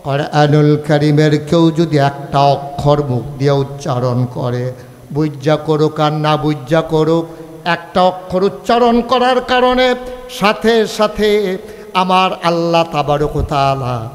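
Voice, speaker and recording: High-voiced preacher in an echoey hall. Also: male voice, slow. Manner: sing-song, animated storytelling, calls crowd to answer. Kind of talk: Bengali village sermon (waz).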